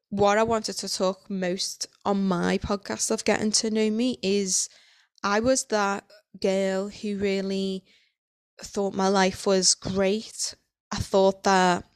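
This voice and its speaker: A woman in her thirties talks through a personal podcast monologue in a candid, halting, reflective way. Her voice is smooth and resonant, with a clear, even tone. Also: medium pitch. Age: 30s. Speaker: podcast host.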